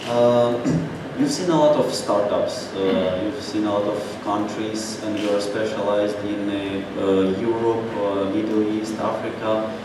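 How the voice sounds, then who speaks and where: Slow, halting man asking questions. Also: on the low side, fairly even intonation. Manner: halting, many fillers and restarts. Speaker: event host asking questions. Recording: echoey far-off room with noise.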